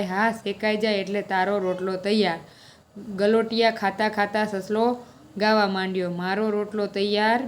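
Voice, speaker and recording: A woman's voice: mid-range voice, a little hiss or hum. A woman, reading a children's story aloud and patiently working through the lesson questions step by step. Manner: patient, explains each answer step by step. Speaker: teacher.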